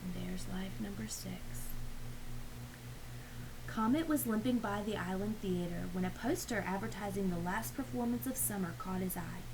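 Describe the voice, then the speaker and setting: A medium-pitched woman reads aloud to children from a picture book at normal speed. Her delivery is expressive, with quiet, hushed asides, and clear background noise can be heard the whole way through.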